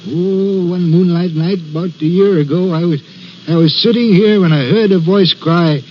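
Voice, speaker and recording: Old radio drama: an actor as a haunted signalman, high-voiced and halting, dull old recording. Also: slight background noise, lightly acted. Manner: halting, stammering storyteller. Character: haunted, nervous railway signalman. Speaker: railway signalman. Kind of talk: 1940s radio acting.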